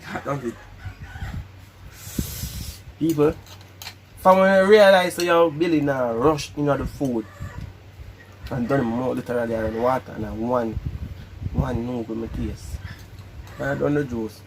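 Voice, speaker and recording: A man's voice: mid-range voice, steady tone, moderate pace, long pauses, background noise. A man with a Jamaican accent chatting casually to camera as a challenge partner, grumbling and stubborn.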